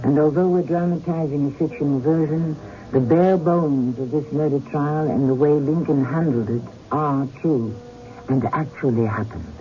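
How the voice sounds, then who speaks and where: Hosting a radio drama, a man delivers scripted, theatrical narration in a somewhat high voice at normal speed. The recording sounds like a dull, noisy old radio broadcast.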